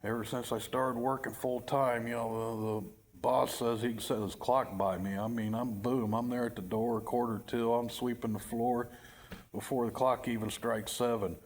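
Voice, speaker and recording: A man's voice: mid-range voice, little pitch movement, normal speed. A middle-aged man rambling wryly about his channel in a casual vlog, in a cold, dim work building. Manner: rambling, wry and self-deprecating. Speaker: channel owner.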